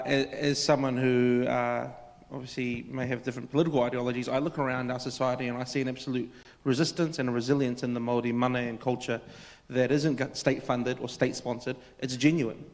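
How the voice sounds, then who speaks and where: Male panelist, New Zealand accent, quick and earnest, restarts his sentences; reverberant hall. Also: medium pitch, darkish tone. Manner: earnest, repeats words when starting sentences. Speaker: panel debater. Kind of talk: panel debate.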